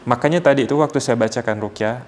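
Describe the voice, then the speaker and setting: A man with a mid-range voice talks through his points steadily, with a calm, explaining manner. A faint hiss of noise sits under the recording. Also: mid-range voice, fast talker. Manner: calm, explaining with examples and acted quotes. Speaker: ruqyah healer. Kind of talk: explanatory talk to a patient.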